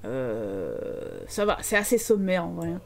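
A woman's voice: fairly low pitch, very animated, unhurried, creaky. A young French woman commenting live on her game, chatting and joking with her viewers. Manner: chatty, joking, reads chat aloud. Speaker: streamer.

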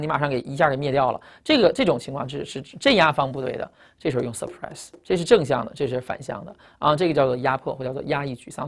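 Woman, low voice, quick delivery, vocabulary lecture, Chinese first language, emphatic. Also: a bit bright. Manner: emphatic, rhetorical questions, spells out word roots. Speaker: English vocabulary teacher.

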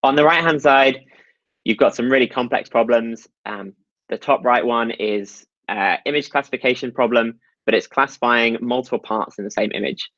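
A man's voice: mid-range voice, moderate pace, fairly bright tone, dry recording, dull audio. A man giving a technical talk over slides at an online meetup, explaining step by step with frequent ums and uhs. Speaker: meetup presenter.

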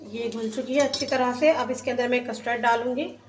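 High-voiced woman explaining a recipe. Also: fairly even intonation, brisk, reverberant, a little hiss or hum. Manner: chatty step-by-step explaining. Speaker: cooking channel host. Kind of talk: casual recipe voice-over. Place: home kitchen.

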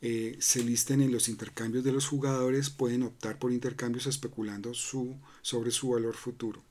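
A man's voice: medium pitch, flat delivery, moderate pace, darkish tone. A man hosting a crypto channel, talking loosely through a screen-recorded walkthrough, full of fillers, restarts and tag questions. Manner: loose and conversational, many fillers and restarts, asks "¿no?".

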